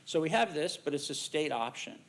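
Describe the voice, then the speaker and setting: A middle-aged American man, a researcher giving a conference talk, measured in tone with dry asides. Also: a little high, expressive. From United States. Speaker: researcher presenting findings.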